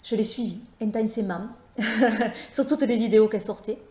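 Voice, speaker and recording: A woman with a Southern French accent talking casually to her viewers, hesitant and halting, with many fillers and restarts. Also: a little high, mellow, echoey room. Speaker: tarot YouTuber. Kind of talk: casual vlog talk.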